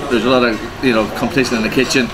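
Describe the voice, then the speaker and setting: A man from Donegal, a development chef, talking in a halting way with many restarts in an interview. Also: mid-range voice, flat delivery, poor audio. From Donegal, Ireland. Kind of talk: casual interview. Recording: crowd chatter behind.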